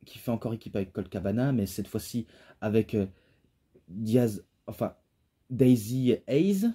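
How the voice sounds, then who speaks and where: A man's voice: on the low side, measured pace, warm tone, slightly rough. A young man, casually reviewing a wrestling DVD in a rambling way, full of fillers and restarts.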